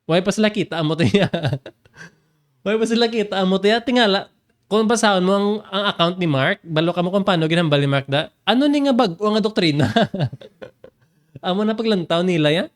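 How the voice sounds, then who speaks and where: A male preacher, teaching scripture in an animated way. His voice sits a little higher than most men's and keeps leaping up for emphasis, broken by easy laughs. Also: moderate pace. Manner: animated, laughs often, jumps up in pitch for emphasis. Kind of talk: Bible teaching.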